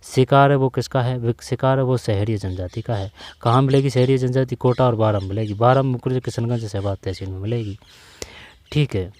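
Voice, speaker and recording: A man's voice: medium pitch, brisk, darkish tone, a little hiss or hum. A man teaching exam general knowledge in a casual lesson, repeating key answers and checking in often. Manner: repeats key answers, frequent "theek hai" check-ins. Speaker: exam-prep tutor.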